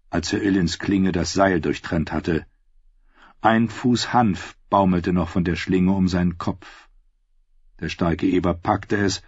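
A man narrating an audiobook in a measured, steady reading style. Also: low-pitched, husky, dry recording. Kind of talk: scripted narration. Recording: dry, dull audio.

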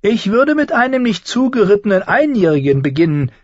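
A man voicing a sardonic, sharp-tongued small nobleman who needles the people around him. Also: high-pitched, big pitch swings, a little fast, no room sound, pitched above the performer's own voice. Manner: mocking, cool and needling. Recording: slightly dull audio.

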